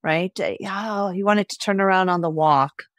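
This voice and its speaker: An animated woman veterinarian chats as a podcast guest, often ending her points with "right?" and putting on little voices for the dogs. Her pitch is ordinary and mid-range. The sound is dry and close-miked. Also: normal speed, no room sound. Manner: animated, tags lines with "right?", acts out pets' voices. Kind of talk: casual interview chat.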